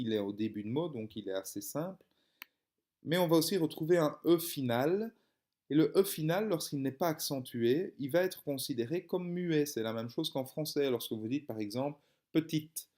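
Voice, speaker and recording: A young man teaches a reading lesson, walking through it step by step in a mid-range, dark-toned voice. He hesitates frequently and uses many fillers.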